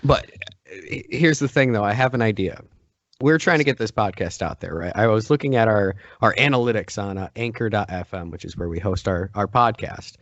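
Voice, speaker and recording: A man's voice: fairly low pitch, fairly quick, no room sound, highs cut off. A man co-hosting a podcast, rambling and joking in casual chat on a new microphone. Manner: rambling, jokey, restarts often. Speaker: podcast co-host.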